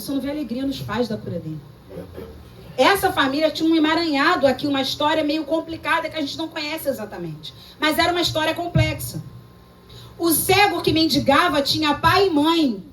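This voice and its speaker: High-voiced Brazilian woman preaching. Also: a little hiss or hum. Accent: Brazilian Portuguese. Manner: lively, emphatic preaching with personal stories and laughter. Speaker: pastor. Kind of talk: sermon. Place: church service. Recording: distant mic with faint room ambience.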